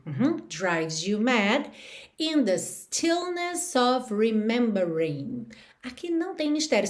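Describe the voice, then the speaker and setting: A woman with a Brazilian accent teaching English pronunciation through song lyrics. She reads English lines slowly and carefully, and often checks in with her listeners. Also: fairly high pitch. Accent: Brazilian Portuguese. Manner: checks in with tag questions.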